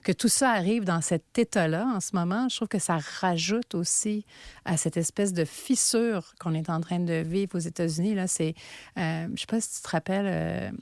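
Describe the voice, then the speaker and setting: Thoughtful Québécoise journalist, low voice. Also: female voice, normal speed, a little mellow, dry recording, clean studio sound. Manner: earnest and thoughtful, many fillers. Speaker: journalist guest. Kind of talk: conversational interview.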